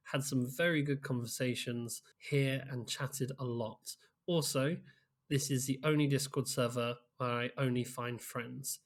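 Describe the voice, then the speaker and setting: A man co-hosting a podcast, chatting casually and reading out listener messages, with plenty of "like" and "um". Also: mid-range voice. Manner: rambling, many fillers like "like" and "um". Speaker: podcast co-host.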